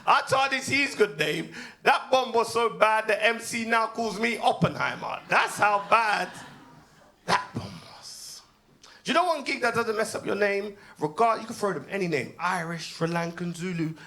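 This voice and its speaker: A British man, performing a stand-up comedy set, swinging between low deadpan asides and loud laughing punchlines. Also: normal speed, hardly any pauses. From United Kingdom.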